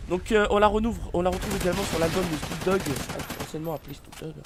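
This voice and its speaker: A man's voice: high-pitched, fast talker. Hesitant young man reading celebrity facts. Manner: hesitant, many fillers and restarts, apologetic. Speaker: YouTuber presenting a celebrity biography. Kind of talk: casual read-aloud commentary. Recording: faint background noise.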